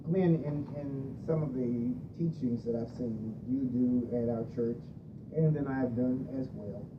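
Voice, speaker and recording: Hosting a radio show, a middle-aged woman leads a group discussion about marriage, reading from a handout and laughing between her points. The recording sounds distant and muffled, with rumble.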